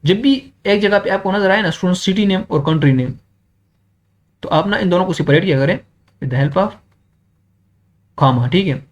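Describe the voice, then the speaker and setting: A young man, teaching an exam-prep grammar lesson, who keeps checking in with students and reads English examples slowly. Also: high voice, highs cut off.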